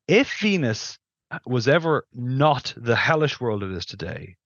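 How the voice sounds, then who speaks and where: A middle-aged man, a guest planetary scientist in an interview, gives careful, qualified explanations through a headset on a video call. His voice sits lowish, and the lo-fi audio carries no echo.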